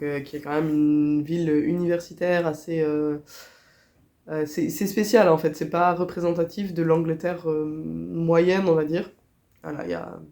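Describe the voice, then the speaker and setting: A woman's voice: deep voice, warm tone. A woman from Switzerland with a Swiss French accent, chatting casually in a crafting vlog, her nose stuffed up from a cold. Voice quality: nasal. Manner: chatty, laughs often, many fillers. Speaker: crochet vlogger. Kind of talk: casual chat.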